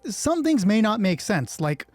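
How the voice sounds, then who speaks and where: Pitched high and sing-song, this man talks a little slowly, with no echo. Acting as game master for a solo roleplay, he alternates quiet scripted story narration with informal play commentary, cursing and thinking out loud, while music plays behind him.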